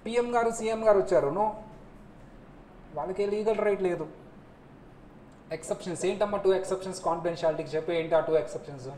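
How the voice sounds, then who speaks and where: A man's voice: sits high, fast, long pauses. A man teaching a class, quizzing his students and acting out little scenes as he goes. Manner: lively, asks students questions, acts out scolding scenes. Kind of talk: classroom lecture. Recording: echoey room, faint noise.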